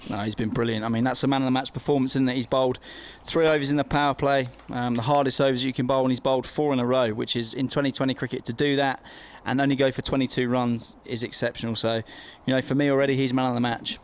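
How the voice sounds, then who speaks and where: A man's voice: mid-range voice, little pitch movement, fast, hardly any pauses. A man working as a cricket summariser and former player, conversational and opinionated, repeating phrases for emphasis. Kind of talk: live cricket commentary, analysis.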